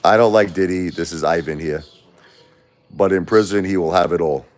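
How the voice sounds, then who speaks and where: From his home in Brooklyn, New York, a man with a low, slightly slow voice hosts a casual livestream. He answers viewers bluntly, repeats himself and spars with critics.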